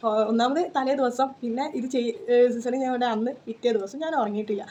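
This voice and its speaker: A woman's voice: fairly high pitch, steady tone, fast talker, mellow, slight background noise. A woman, telling a personal story in a casual vlog, chatty with lots of fillers and "you know" tags. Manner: chatty, tags sentences with 'you know', many fillers. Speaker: vlogger.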